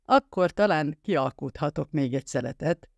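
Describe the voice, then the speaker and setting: A joking grown man from an audiobook who bows and banters in mock-formal speech as a male narrator voices him. He sits a little above the reader's usual pitch. The recording is dry and close. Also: animated, creaky, dry recording. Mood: playful.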